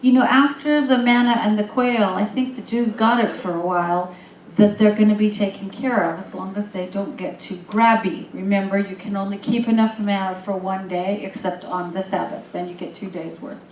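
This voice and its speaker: A woman minister speaks with calm, gentle guidance, her voice at a middle pitch. She moves into lively storytelling. The sound rings in an echoey room with a faint hum behind it. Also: normal speed, distant mic. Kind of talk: sermon.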